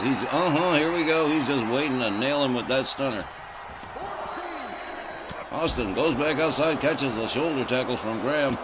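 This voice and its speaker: A man giving wrestling commentary as a play-by-play announcer, in clipped, blow-by-blow phrases with exclamations. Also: mid-range voice. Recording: loud noisy background.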